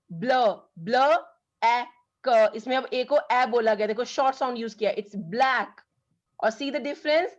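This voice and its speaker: A woman's voice: fairly high pitch, muffled recording. A woman teacher with an Indian English accent, giving a phonics lesson to young children and switching between Hindi and English as she repeats words for them to read along. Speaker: school teacher. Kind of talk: classroom phonics lesson, slow and drawn out.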